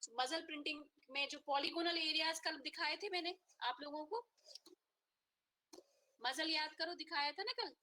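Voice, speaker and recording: A woman's voice: high-pitched, normal speed, long pauses, sharp tone, low-quality recording. An Indian woman teaching an online veterinary anatomy class, mixing Hindi and English and often checking in with her students. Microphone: online class audio.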